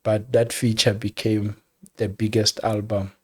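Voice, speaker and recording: Slightly rough and a bit low, the voice belongs to an older South African music executive sharing anecdotes in an easygoing interview. He's deliberate, often repeating words as he works out what to say.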